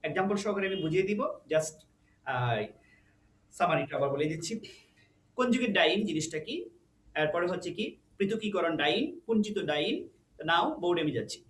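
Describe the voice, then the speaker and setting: A man's voice: high voice, roomy sound. A man teaching a chemistry lesson at a board, explaining step by step and asking and answering his own questions, with English terms mixed into his talk. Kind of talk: online lecture at a board.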